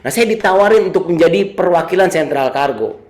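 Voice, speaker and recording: A man's voice: sits high, lively intonation, a little fast. A man in his thirties giving a casual sermon with a personal story, chatty, repeating his phrases and teasing his young listeners. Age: 30s. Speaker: youth service speaker.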